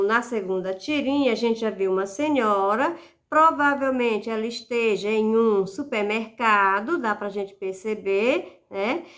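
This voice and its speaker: Sounding out words by drawing out each syllable, a woman teacher leads a recorded lesson with patience. Her voice runs on the high side with a slightly bright quality.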